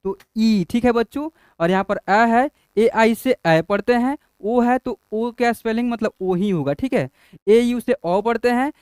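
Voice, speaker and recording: Clear-voiced teacher drilling letters. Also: male voice, extremely high pitch, darkish tone, no room sound, studio quality. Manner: slow, drawn-out letter drills, often asking 'what will it make?'. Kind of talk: classroom-style lesson.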